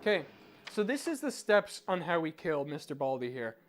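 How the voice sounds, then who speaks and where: A man's voice: a little high, big pitch swings, moderate pace, a little hiss or hum. A man giving casual live game commentary as a streamer, chatty, informal and self-deprecating.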